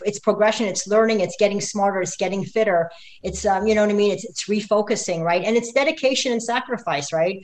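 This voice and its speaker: A woman in her fifties, a pro cyclist interviewed as a guest, talking casually and emphatically and often tagging "right?" onto her sentences. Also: medium pitch. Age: 50s. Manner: energetic, emphatic, keeps adding "right?".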